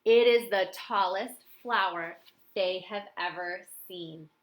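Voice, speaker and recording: A middle-aged woman reading a children's picture book aloud in an expressive way with dramatic emphasis. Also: medium pitch, takes it slowly, low-quality recording. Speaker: storybook reader.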